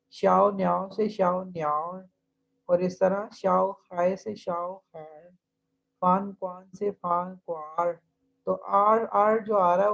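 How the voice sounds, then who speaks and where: Slow, gravelly male teacher on dull audio. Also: sits high. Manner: patient, repeats drill phrases and explains each step. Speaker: Chinese language teacher. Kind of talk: online class lesson. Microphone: computer mic in an online class. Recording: dull, lo-fi online class audio.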